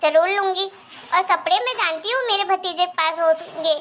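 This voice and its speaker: A woman's voice: very high-pitched, normal speed, fairly bright tone. A woman voicing an eager, reassuring young married daughter visiting her mother in a cartoon. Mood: insistent. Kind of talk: animated cartoon voice acting.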